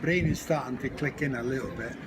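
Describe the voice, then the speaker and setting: An older man with a Scottish accent chatting casually, often pausing and searching for his words. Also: medium pitch, very noisy. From Scotland. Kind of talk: casual chat. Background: loud music and crowd.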